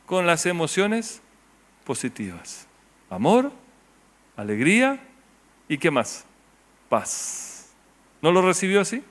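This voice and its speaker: Rioplatense pastor preaching, higher-pitched man. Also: wildly swooping pitch, a little slow, long pauses. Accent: Rioplatense Spanish. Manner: rhetorical questions to the congregation, voice dropping low and soft on key words. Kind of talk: sermon.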